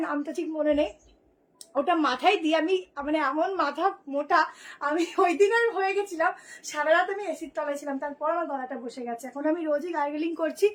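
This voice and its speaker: A hoarse woman, a boutique seller who talks nonstop, showing clothes to viewers in a live sales video. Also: sits high, fast, fairly bright tone. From Kolkata, India. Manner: chatty, nonstop talker.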